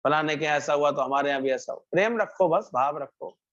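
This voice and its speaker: In a muffled, lo-fi recording, a man with a fairly high, slightly bright voice preaches briskly at a satsang. His devotional sermon unfolds as a parable, with characters' words acted out and phrases repeated for emphasis.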